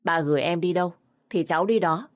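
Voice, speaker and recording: A little girl of about nine, sweet and pleading, played by a woman reading the story aloud. She talks in a small, childlike way, and the voice is still fairly low for a child. It is recorded close and dry. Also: a little fast, no room sound, natural voice.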